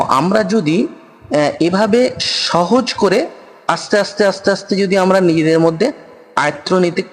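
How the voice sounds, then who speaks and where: Slow, patient male Quran teacher, echoey. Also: sits high. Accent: Bengali. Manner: patient, repeats each letter, many filler pauses. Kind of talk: slow spoken lesson on Arabic letters. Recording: long reverb, room echo.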